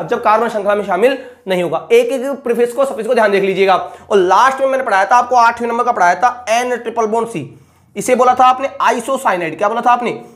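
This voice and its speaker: A man's voice: very high voice, a bit bright. Guy teaching chem, asks stuff twice then answers it himself. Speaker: chemistry teacher. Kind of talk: recap lecture with call-and-response questions.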